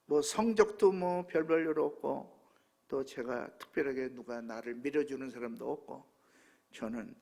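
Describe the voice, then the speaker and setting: A pastor in his seventies preaching a sermon, telling a personal story with emotion that swings from hushed tones to loud exclamations. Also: mid-range voice, vocal fry. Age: 70s.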